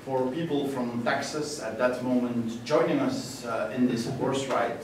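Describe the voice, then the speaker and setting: A man from Belgium performing spoken-word poetry on a festival stage, swinging between chatty asides and sung or shouted lines. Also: medium pitch, fairly even intonation, measured pace, slight background noise. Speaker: performance poet. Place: festival stage before a live audience. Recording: echoey hall, mic from far off.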